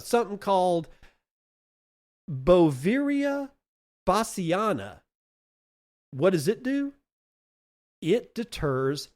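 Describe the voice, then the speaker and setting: A man's voice: on the high side, a little mellow. A man hosting a podcast, talking through a topic in an emphatic, folksy monologue full of rhetorical questions and playful comparisons, often repeating words as he thinks. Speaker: podcast host. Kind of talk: enthusiastic explanatory monologue.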